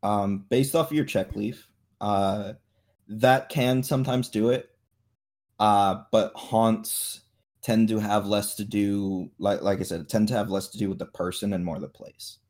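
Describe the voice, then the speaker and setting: A man narrating as game master, explaining in a halting, improvised way. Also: lowish voice, darkish tone.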